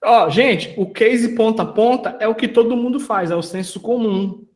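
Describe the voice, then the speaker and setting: Animated high-voiced man mentoring casually. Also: moderate pace, roomy sound. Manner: animated, slangy, asks the audience questions.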